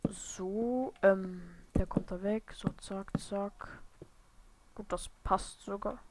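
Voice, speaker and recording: A woman's voice: mid-range voice, steady tone, slow pace. Woman muttering over noisy game commentary. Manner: mutters and whispers asides to herself; bursts into loud startled shouts. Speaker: let's play gamer. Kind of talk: casual gameplay commentary. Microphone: desk microphone. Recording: noisy home mic with hiss and clicks.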